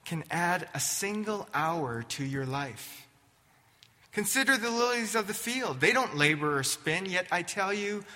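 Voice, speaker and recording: A preacher voicing an earnest, compassionate teacher. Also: male voice, sits high, big-room sound, voice pushed up, heavily acted. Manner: earnest, pleading, by turns warning and gentle. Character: compassionate, urgent male teacher of followers.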